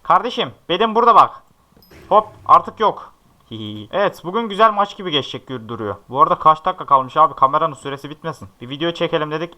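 A young man commenting live on a game as he plays, talking to his viewers, often shouting at opponents and then chatting in quick asides. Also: on the high side, muffled recording. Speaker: gaming YouTuber.

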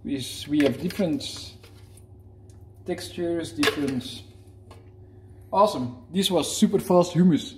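This Dutch cooking vlogger speaks slowly with long pauses, his voice on the high side, while joking and restarting phrases in a casual home demo. Heavy background noise fills the recording, made on a moving handheld camera mic in an echoey kitchen with frying sizzle.

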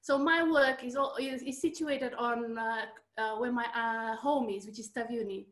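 A Fijian woman in her fifties, an architecture researcher appearing as a guest speaker, hesitantly shares a personal story during an informal online talk. Her voice is a little high and fairly bright, with fairly even intonation, halting and full of pauses. She speaks from a small room at home into a computer mic on a video call, so the sound is roomy and echoey.

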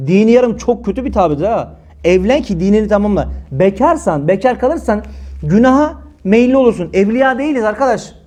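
Emphatic high-voiced preacher. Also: male voice, lively intonation, fairly quick, darkish tone. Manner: scolding, emphatic, rhetorical questions. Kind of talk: religious talk to followers.

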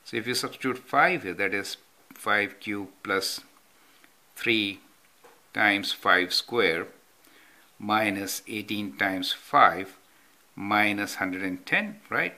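A math teacher's fairly low, pushed and bright voice comes from off camera as he writes out a problem step by step on a whiteboard. He speaks slowly with long pauses, often checking in with "right?".

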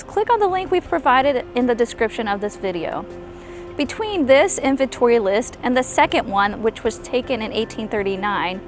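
A woman in her thirties, a historical interpreter, giving a clear, measured outdoor tour talk on a lapel mic. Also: a little high. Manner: clear, measured presenter delivery. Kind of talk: informative video tour narration. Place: outdoors on a lawn by trees. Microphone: clip-on lapel mic.

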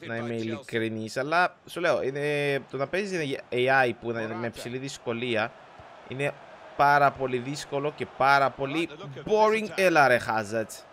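A young man from Cyprus giving excitable live commentary over a football video game, swearing at the game and mixing in English slang. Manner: bursts into high shouting at goals. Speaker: gaming YouTuber.

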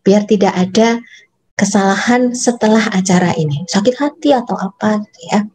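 A woman's voice: medium pitch, moderate pace. A woman, teaching public speaking in a chatty workshop lecture, addressing her audience directly. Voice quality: soft, gentle voice. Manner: demonstrates phrasing by reading aloud.

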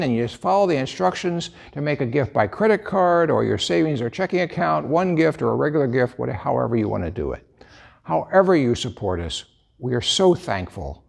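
Older american guy, pastor doing church announcements, creaky voice, really animated pitch. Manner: conversational, addressing viewers directly. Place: church sanctuary.

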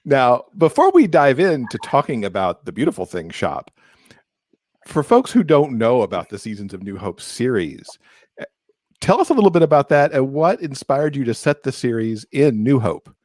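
Speaking close to a large microphone on a video call, a middle-aged American podcast co-host chats with an author in a conversational interview. His mid-range voice has big pitch swings, a darkish tone and a moderate pace, with no room sound.

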